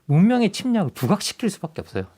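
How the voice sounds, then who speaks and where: A man's voice: sits high, big pitch swings, rapid-fire, mellow. A man who is a guest commentator in a radio studio, explaining ideas expressively and with emphasis. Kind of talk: radio current-affairs discussion.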